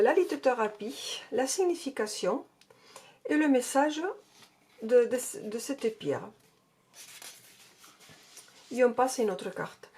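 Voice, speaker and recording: A woman with a slightly high, darkish voice casually reviews an oracle card deck and reads the card texts aloud. She hesitates often, with many fillers and restarts.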